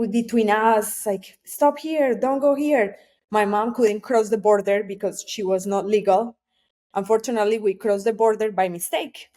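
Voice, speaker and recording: A woman's voice: medium pitch, darkish tone. A young adult woman from Colombia, a podcast guest speaking candidly and earnestly about her own journey in a conversational interview. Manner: earnest, candid, tells personal stories. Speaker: podcast guest, community founder.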